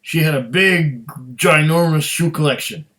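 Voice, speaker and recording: A man's voice: on the high side, normal speed, fairly bright tone. A middle-aged man who hosts a whisky tasting, talking in a rambling, chatty way with frequent restarts. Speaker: whisky reviewer. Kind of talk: casual tasting chat.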